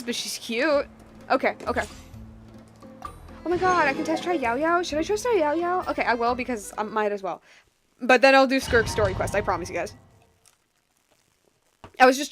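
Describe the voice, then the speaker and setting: A young woman with a high, fairly bright voice chats casually on a live game stream, rambling and gushing informally as game music plays.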